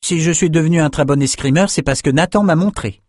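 A man's voice: on the high side, fast, no echo, clean studio sound, pitched above the performer's own voice, natural voice. A man voicing an earnest young male swordsman in an audiobook. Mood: eager.

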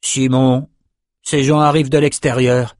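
A man's voice: mid-range voice, level tone, measured pace, a little mellow, no room sound, studio quality, voice pushed up, natural voice. A male reader voicing a matter-of-fact middle-aged farmer.

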